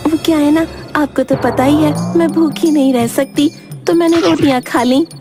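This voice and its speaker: A cheeky, food-greedy young bride from a cartoon, acted by a woman, with a very high, whiny voice. Background music runs under her lines. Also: steady tone, normal speed, natural voice.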